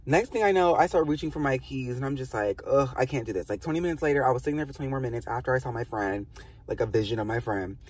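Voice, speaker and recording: A man's voice: medium pitch, fast talker, a little mellow, breathy edge, recorded from a distance. A man telling a storytime to his viewers in a casual, rambling and profane way, full of fillers and asides. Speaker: vlogger.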